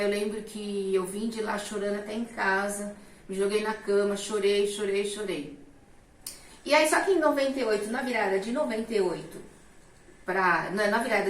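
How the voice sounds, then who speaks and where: Woman telling her story in a roomy space. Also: medium pitch. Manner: animated storyteller, acting out quoted voices. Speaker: guest telling her testimony. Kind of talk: personal testimony in casual conversation. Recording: roomy sound, mic at a distance.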